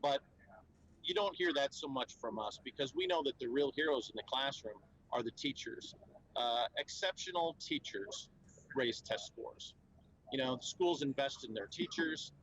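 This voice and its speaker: On a rough recording with a fairly bright tone, a medium-pitched man acts as a company spokesman at a trade show. He explains things earnestly and fluently in a conversational interview, though with frequent fillers and restarts.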